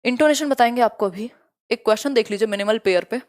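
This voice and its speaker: A young woman teaching an online exam-prep lecture, brisk and chatty, mixing in English terms. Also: a little high, darkish tone.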